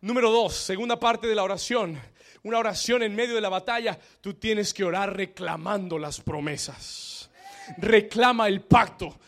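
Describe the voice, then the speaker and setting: Preaching at a normal speed in a high-pitched voice, a man repeats each Spanish line in English. His sermon swells into shouted prayer declarations as he urges the congregation to respond.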